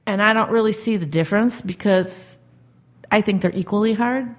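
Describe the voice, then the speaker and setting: A chatty woman co-hosting a podcast, talking in a rambling, upbeat way. Her voice sits at an ordinary middle pitch for a woman. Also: normal speed. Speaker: podcast co-host. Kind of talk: casual chat.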